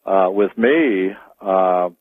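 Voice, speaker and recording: A man answering as a radio interview guest, speaking in a halting, deliberate way and circling back on his words. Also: sits low, no room sound. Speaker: interview guest, Bigfoot tracker. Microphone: telephone. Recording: dry, narrow phone-line sound.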